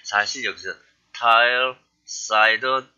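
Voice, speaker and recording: A man's voice: mid-range voice, extremely slow, pushed and bright, clear, resonant tone, highs cut off. A man teaching a language class who acts out short dialogue lines and then explains them. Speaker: English teacher. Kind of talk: lecture.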